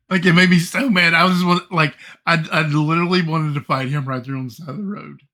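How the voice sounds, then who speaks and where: A middle-aged man streaming his game and telling a long personal story in a rambling, halting way, full of fillers and swearing. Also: on the high side, bright, forceful tone. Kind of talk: casual storytelling while gaming.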